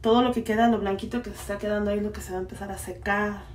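A woman's voice: mid-range voice, fairly even intonation, very fast. A woman with a Mexican accent chatting playfully to her viewers while putting on a face mask. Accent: Mexican Spanish. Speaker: beauty vlogger. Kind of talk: casual chat while applying a face mask. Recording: echoey room, mic far off, faint noise.

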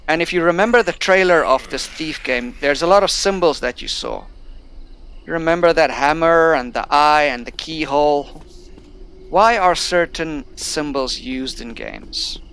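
This clip has slight background noise behind a young man whose fairly high, slightly bright voice moves at a measured pace. A non-native English speaker and gameplay streamer, he reads the on-screen tutorial aloud and then chats casually in let's-play fashion.

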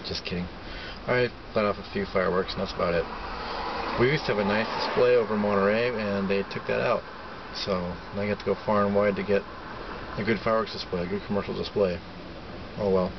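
A man in his forties with an American accent, chatting casually and haltingly to camera in a laid-back way from inside a vehicle. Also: lowish voice. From California, United States. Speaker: vlogger reviewing pipe tobacco. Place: inside a parked vehicle cab, outdoors by day. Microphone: camera at about arm's length or farther. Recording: muffled, with clear steady vehicle-like background noise.

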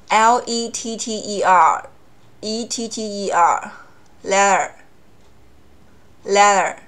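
Woman teaching English pronunciation in Chinese. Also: medium pitch. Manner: explains rules in Chinese, then repeats English example words slowly. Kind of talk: language lesson.

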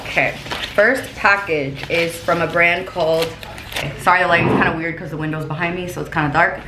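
A young woman talks to her camera in a casual, chatty vlog style. Her s sounds have a lisping whistle, and her voice sits on the low side. The recording is echoey, with clear noise in the room. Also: fairly even intonation, brisk. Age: young adult. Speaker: vlogger. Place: rooms inside a house. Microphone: camera mic at about arm's length.

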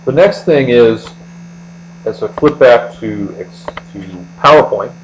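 An American man, working as an accounting tutor, takes it slowly through an explanatory lecture step by step in a medium-pitched voice. It's an indoor voice-over on a screen recording. The audio is poor, with a steady mains hum.

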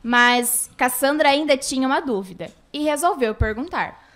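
A woman's voice: high voice, expressive, moderate pace, a bit bright. A woman reading scripted narration for a radio soap opera in the manner of an old radio show.

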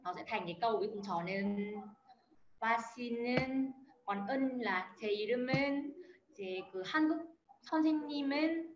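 This woman runs a beginner language class via video call, breaking things down step by step and calling on students by name. She speaks fast in a high-side voice, and the recording is echoey, dull, and lo-fi with faint noise.

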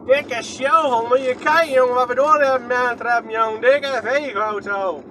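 High-voiced Groningen man chatting while driving. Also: steady tone, moderate pace, pushed and bright, a little hiss or hum. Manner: rambling, chatty, asks himself questions and trails off. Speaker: vlogger. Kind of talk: casual running commentary while driving. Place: inside a moving vehicle.

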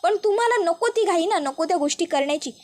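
A woman's voice: extremely high pitch, expressive, fast talker, a little mellow. A woman voicing a scheming, angry young man who blames others and gives orders. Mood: accusing. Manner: blaming, commanding.

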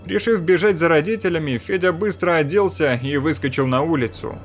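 A man reading a scary story aloud as a scripted narration in a measured, even way. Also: a little high. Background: faint music.

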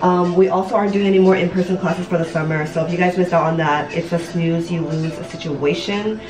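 A woman in her late twenties speaks briskly in a lowish, steady voice as she does her makeup in her home bathroom, sharing casual confessions with viewers. A vlogger and online business coach, she rambles a bit, says "like" and "you know" frequently, and swears occasionally. The audio is echoey, recorded by a camera a step or two away.

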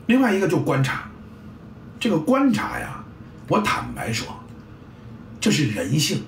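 Middle-aged man, blunt and salty, high lively voice, roomy sound from a distant mic. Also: measured pace, slight background noise. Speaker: football coach and commentator. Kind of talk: casual monologue.

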